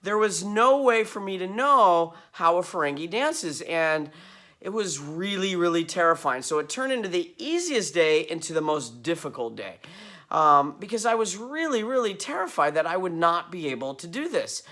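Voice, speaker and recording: A man, an actor, telling behind-the-scenes stories in a casual, animated way and acting out his own lines as he goes. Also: high voice, normal speed. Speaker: actor sharing set stories.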